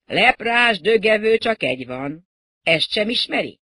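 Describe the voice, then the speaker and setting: A reader voicing a huge, brash male rock musician who talks loudly and breezily, with a husky tone. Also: medium pitch, big pitch swings, voice pushed up, exaggerated voice.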